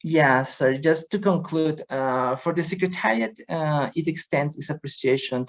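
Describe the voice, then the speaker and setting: Halting man with a gravelly voice. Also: a little high, low-quality recording. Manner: halting, many fillers and restarts. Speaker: presenter from a convention secretariat. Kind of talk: formal presentation on a video call. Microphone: video call.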